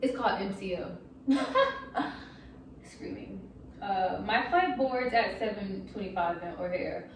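A young woman from the Chicago area talks to her phone camera in a casual, candid, self-mocking vlog, first from a car's backseat and then in a small kitchen and living room. Her mid-range voice is animated, though she speaks slowly and pauses often. The phone is held close, and there's a little hiss or hum.

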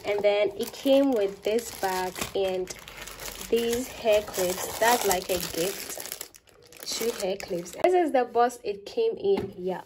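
A woman's voice: medium pitch, dark tone. A young woman from Ghana chatting casually to camera in a vlog, upbeat and chatty, filling with "yeah" and "like", filmed on a phone held at arm's length in a small bedroom. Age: young adult. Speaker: vlogger.

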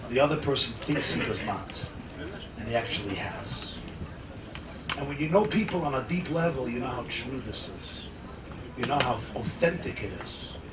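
A middle-aged man, a rabbi, preaching emphatically to a gathering with rhetorical repetition, dramatic pauses and Hebrew and Yiddish terms mixed into his English. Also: mid-range voice, animated. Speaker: rabbi giving a talk. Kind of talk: impassioned sermon to a gathering. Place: makeshift sukkah hall with seated gathering. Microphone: table microphone on a stand. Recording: roomy, distant mic, clear background noise. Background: noisy room ambience.

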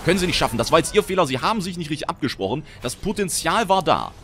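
Excitable young German gamer, lively pitch. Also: male voice, racing. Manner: excitable, swearing, frustrated outbursts. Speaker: gaming commentator. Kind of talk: live Let's Play commentary.

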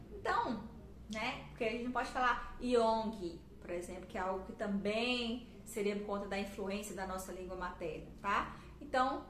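A Brazilian woman in her thirties teaching an English lesson in Portuguese, explaining patiently and slowing down for example sentences. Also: fairly high pitch, bright, forceful tone. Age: 30s. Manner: explains patiently, drawls example sentences slowly, ends phrases with "tá?". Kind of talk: casual online English lesson. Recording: echoey room with faint noise.

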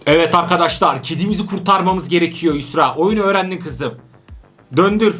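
An adult parent doing excitable gameplay commentary while playing with their daughter, laughing and calling out often. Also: medium pitch, a little fast, soft background music. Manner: animated, laughing, frequent outbursts. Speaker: let's-play gamer playing with their daughter.

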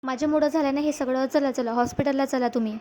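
A sly middle-aged man pleads that it was all an accident, fawning and insistent. A woman reads his lines in a high-pitched voice, with faint hiss behind. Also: steady tone, fast, mellow, natural voice. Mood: fake apologetic. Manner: mock-apologetic, fawning. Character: scheming middle-aged man, father of a grown daughter.

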